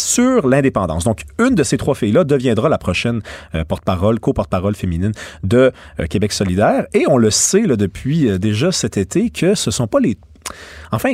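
Fast-talking Québécois man, animated. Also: mid-range voice, slightly rough, dry recording, clean studio sound. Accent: Québécois French. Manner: animated, opinionated, stammering restarts. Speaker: radio show host. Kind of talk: political commentary chat.

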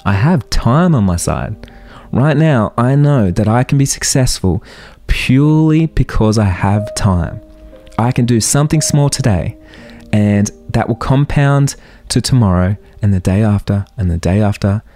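Speaking unhurriedly with lively intonation, a man in his thirties delivers his solo motivational podcast in an earnest way, full of rhetorical questions. He has a low, dark voice, and soft music plays behind him.

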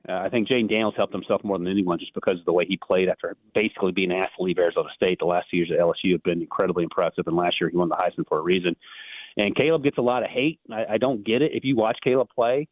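A man calling in as a draft analyst on a sports radio show, talking fast and rambling, often repeating words as he restarts sentences. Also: low voice, dry recording. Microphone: phone call. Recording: tinny phone line.

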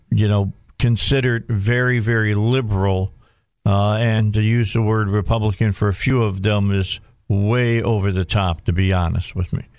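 A man's voice: fairly low pitch, no echo, clean studio sound. A man hosting a talk radio show in an informal, folksy way, often repeating phrases for emphasis.

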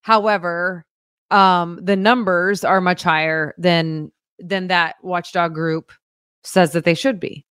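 A woman co-hosting a casual local news show, chatting in an upbeat, animated way. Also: lowish voice, slow, clean tone, no echo, clean studio sound.

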